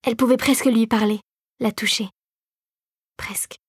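Woman calmly narrating a storybook. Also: a little high, moderate pace, husky, no room sound, clean studio sound.

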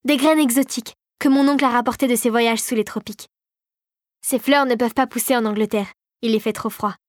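A woman's voice: on the high side, steady tone, a little fast, dry recording, studio quality, lightly acted. A woman reading a kind young inventor queen.

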